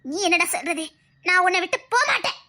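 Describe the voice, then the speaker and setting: A woman's voice: very high-pitched, lively intonation, fast, sharp tone, exaggerated voice. A woman with a Tirunelveli Tamil accent playing a devoted young woman who clings to her paralysed lover, talking insistently and sobbing through laughter. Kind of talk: comedy skit acting.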